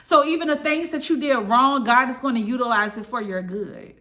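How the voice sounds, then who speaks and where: A woman's voice: fairly high pitch, fairly quick, bright, forceful tone. A woman preaching an informal sermon straight to her listeners. She speaks emphatically, repeats her key lines and drops in casual asides.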